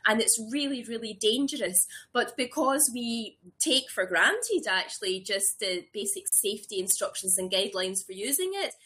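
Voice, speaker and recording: Scottish-raised woman hosting a chatty webinar. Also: a little high. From Scotland. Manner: warm and enthusiastic, with frequent ums and restarts. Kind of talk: casual webinar talk. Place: small room at home. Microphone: webcam or laptop mic on a video call.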